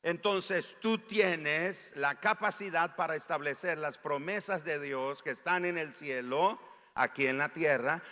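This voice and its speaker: A man with a Nicaraguan Spanish accent preaching a sermon as pastor, fervent and rising to near shouts on key phrases, recorded in a church sanctuary. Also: a little high, in a large hall.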